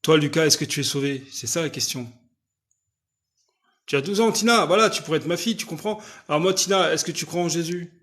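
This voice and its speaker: Loud, insistent French-speaking preacher. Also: male voice, a little high, brisk. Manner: loud, insistent speech with frequent rhetorical checks. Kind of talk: live-stream preaching, answering viewers' questions.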